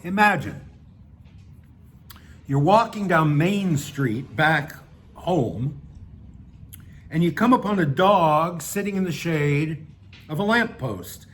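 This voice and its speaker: A man's voice: fairly high pitch, lively intonation, slow pace, pauses often, fairly bright tone, slight background noise. A man reading his own humorous essay aloud, with a dry, wry delivery and offhand asides.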